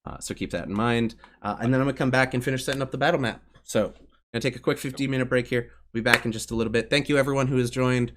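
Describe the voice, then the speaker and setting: A man's voice: medium pitch, very fast, heavy background noise. A young man running a tabletop game on a live stream, casual with many fillers. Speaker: game master.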